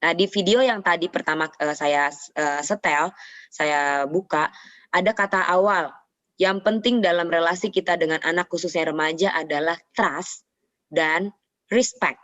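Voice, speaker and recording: A woman's voice: on the low side, unhurried, a bit bright, dry recording. A woman psychologist giving a casual, explanatory parenting talk in a webinar, now and then acting out what a parent would say. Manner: explaining with acted examples of parent phrases. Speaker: psychologist speaker. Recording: dry, dull lo-fi webinar audio.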